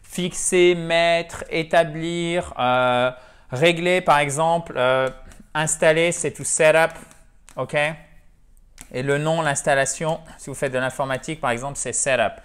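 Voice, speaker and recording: A language teacher gives a video lesson with lively, chatty energy. The voice talks directly to the viewers as friends and slows down to repeat and spell out words clearly. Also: medium pitch. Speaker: English teacher. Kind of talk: video lesson explaining vocabulary.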